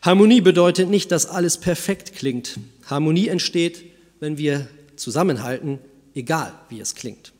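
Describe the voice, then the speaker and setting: A man preaching a sermon, first telling a fable in a calm storytelling manner and then speaking to the congregation. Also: sits high. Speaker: pastor. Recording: long church reverb.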